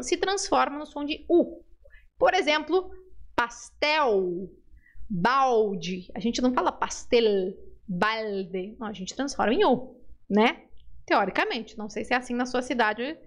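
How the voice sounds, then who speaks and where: A woman with a high, bright-pitched voice leads a pronunciation lesson. She coaxes and encourages, drawing each sound out slowly and repeating it for the learner. Her first language is Portuguese. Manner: lively, coaxing, drills words slowly and asks the viewer to repeat. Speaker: Spanish teacher.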